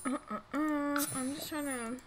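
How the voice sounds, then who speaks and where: A woman's voice: high-pitched, steady tone, normal speed, background noise. A young woman chatting casually to herself and her viewers while live-streaming a game, self-deprecating and easily flustered. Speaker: streamer playing a life-sim game. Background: game music.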